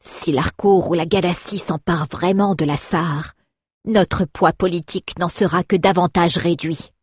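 A woman's voice: lowish voice, fairly even intonation, measured pace, slightly rough, no echo, studio quality. Woman voicing an old cautious counselor. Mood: grave. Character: oldest male counselor, grave and cautious.

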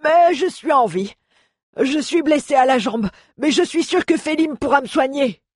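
A reader doing a high, plucky wounded dwarf. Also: expressive, moderate pace, no room sound, clean studio sound. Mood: weary. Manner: loud, strained and high-pitched. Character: injured male dwarf, plucky and cheerful. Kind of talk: audiobook character voice.

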